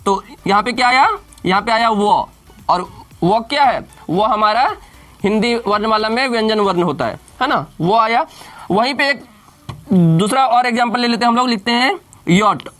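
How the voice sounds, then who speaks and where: A male teacher giving a classroom grammar lesson, who keeps asking questions and answering them himself, spelling words out slowly letter by letter. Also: very high voice, bright, forceful tone.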